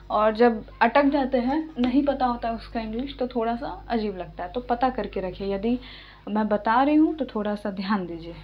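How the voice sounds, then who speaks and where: Patient woman teaching English, bit high. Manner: patient, repeats and checks understanding. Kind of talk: spoken English lesson. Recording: dull lo-fi sound.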